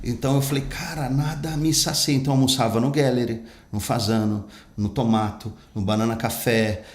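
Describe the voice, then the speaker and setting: A man's voice: mid-range voice, steady tone, a little fast, reverberant. A man, an actor and pastor telling his life story in an emphatic, earnest way as a podcast guest. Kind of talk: personal storytelling in an interview.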